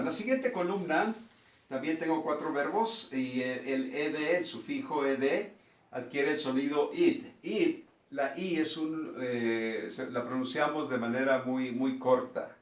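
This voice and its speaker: Male language teacher, mid pitch, unhurried and patient, repeats each word, recorded off-mic in an echoey room. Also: far from the mic. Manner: slow, patient, repeats words for practice. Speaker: English teacher. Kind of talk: explaining a lesson.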